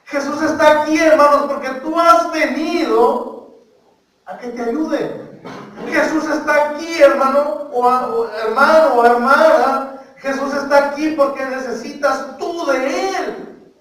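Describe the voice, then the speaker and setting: A man's voice: very high voice, slow pace, a bit bright. A man with a Mexican Spanish accent preaching a fervent sermon in a church, repeatedly calling the listeners brothers. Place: church hall. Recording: echoey church hall, mic far off.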